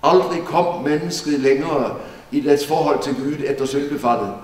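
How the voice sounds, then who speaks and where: A man's voice: on the high side, darkish tone. Earnest male preacher in an echoey church. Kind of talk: sermon Bible teaching. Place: church hall. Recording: echoey church hall from far off.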